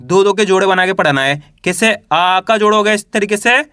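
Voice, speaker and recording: A man's voice: sits high, fairly quick, sharp tone, smooth, no room sound, clean studio sound. A man teaching reading, patiently drilling each letter with repeated questions and example words. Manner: patient, repetitive drilling of syllables. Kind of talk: classroom-style spoken lesson.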